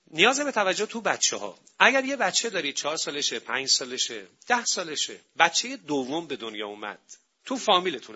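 A man giving an animated public talk on parenting and family, telling stories and acting out what people say. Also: a little high, husky. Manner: animated storytelling, acting out quotes. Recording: dull lo-fi recording.

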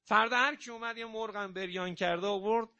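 A man preaching a sermon. He recites verses slowly, explains them in everyday speech, and tells stories that swing between hushed and loud. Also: high voice, steady tone, highs cut off. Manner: storytelling with dramatic shifts between soft and loud.

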